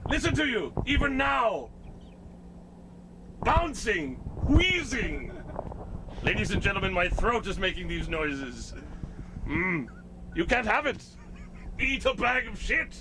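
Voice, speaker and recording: A man's voice: high-pitched, very animated, slow, pauses often, background noise, pitched above the performer's own voice, full character voice. A man voicing an arrogant, crude male alien puppet that taunts in a grandiose, toilet-humored way. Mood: mocking grandiose.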